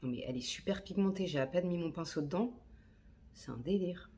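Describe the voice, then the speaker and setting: A beauty vlogger films a makeup tutorial on her phone camera, chatting casually in slang and talking to herself as she works. Her voice is on the low side and dark in tone, and she speaks briskly.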